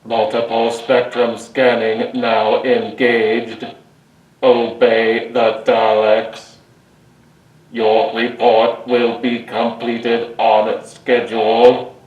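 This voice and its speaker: A man speaking in a disguised deep voice through a toy voice-changer helmet speaker, putting on a flat robotic alien voice with a slow, stiff, monotone delivery. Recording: echoey, dull lo-fi helmet speaker.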